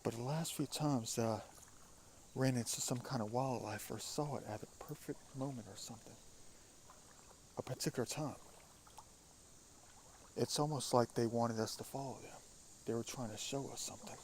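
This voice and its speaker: A man's voice: mid-range voice, moderate pace, pauses often, slight background noise. Man whispering outdoors by the water. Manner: often whispering, curious and hushed. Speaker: outdoor vlogger. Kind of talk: hushed outdoor vlog narration.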